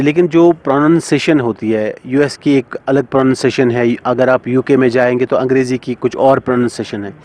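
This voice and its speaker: A middle-aged man, a singer and composer being interviewed, speaking thoughtfully with many pauses and fillers. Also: mid-range voice, darkish tone. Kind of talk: casual interview talk.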